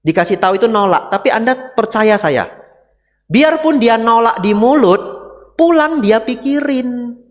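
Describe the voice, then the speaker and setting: A man's voice: extremely high pitch, expressive, a little slow. Monk guy giving a dharma talk, chatty with lots of questions to the crowd, echoey hall. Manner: conversational, asks the audience rhetorical questions. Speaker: Buddhist monk. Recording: reverberant hall.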